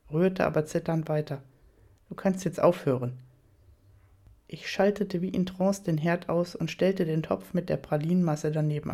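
Woman reading an erotic story, mellow tone. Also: on the low side. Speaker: audiobook narrator.

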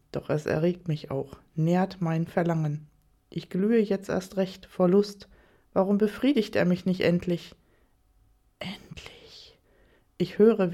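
A woman narrating an erotic audio story in the first person, reading slowly and softly. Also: on the low side.

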